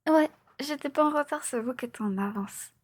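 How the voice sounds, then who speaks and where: A young woman streaming from home on a close mic, chatting playfully with her viewers, giggling, swearing and slipping into soft whispers. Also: high-pitched, normal speed, husky, no room sound. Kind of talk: casual live stream chat.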